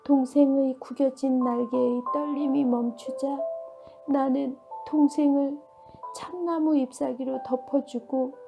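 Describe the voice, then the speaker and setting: A woman reading a bedtime storybook, voicing a grieving elder male dragonfly in a gentle, mournful way. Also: high-pitched, gravelly, full character voice.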